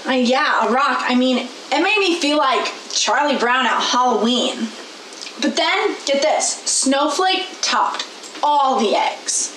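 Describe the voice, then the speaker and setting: A high-voiced, unhurried farm girl with chickens, bewildered and exasperated in a folksy way, played by a young woman. She is heard in a church skit through a camera mic on a small indoor set, with room echo and a faint hiss behind. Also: animated, a bit bright, heavily acted. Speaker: guest in a skit.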